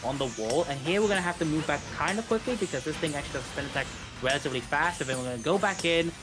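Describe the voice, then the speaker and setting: A man rattles off rapid-fire speedrun commentary in a voice on the high side, backed by video game music. He explains as he plays, drifting a little and restating points.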